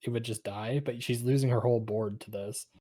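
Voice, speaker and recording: A man's voice: medium pitch, fairly even intonation, a little fast, warm tone, slightly rough. A man watching a card game and chiming in with rules tips and corrections in casual chat. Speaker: onlooker advising players.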